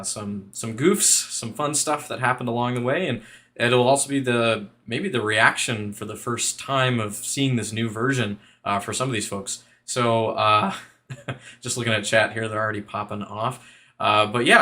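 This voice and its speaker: A man's voice: mid-range voice, pushed and bright. A man hosting a game launch livestream, talking casually over voice chat with many fillers. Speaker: game studio host.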